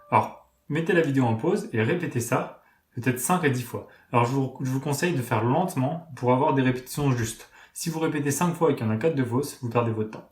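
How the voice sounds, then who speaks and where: The roomy echo of a piano room surrounds this patient male teacher, whose voice is medium in pitch and darkish in tone. In his step-by-step piano tutorial he explains methodically and counts the notes aloud.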